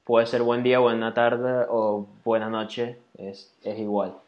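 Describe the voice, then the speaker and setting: A man hosting a casual interview podcast, relaxed and friendly, with frequent "eh" and "ok". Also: mid-range voice, takes it slowly, highs cut off. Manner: relaxed, friendly, uses filler "eh" and "ok". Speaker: podcast host. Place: Barcelona.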